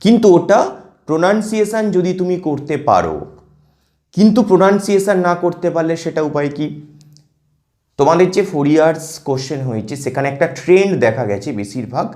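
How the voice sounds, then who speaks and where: A male teacher walks students through an exam lesson step by step, often stopping to check that they follow. His voice sits fairly high and swings widely in pitch. He reads verse lines slowly, syllable by syllable. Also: expressive, dark tone.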